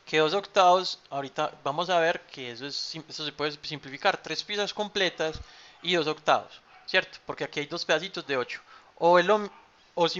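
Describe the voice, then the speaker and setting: A man's voice: fairly high pitch, bright, forceful tone. A man teaching an online math class, patient, repeating key terms and checking with "cierto?". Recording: dull lo-fi sound.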